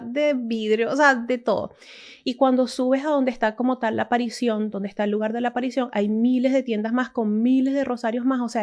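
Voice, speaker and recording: A woman from Latin America telling a casual, emotional personal testimony, full of restarts and asides. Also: fairly high pitch. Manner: emotional, storytelling, many restarts and "o sea". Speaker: testimony speaker.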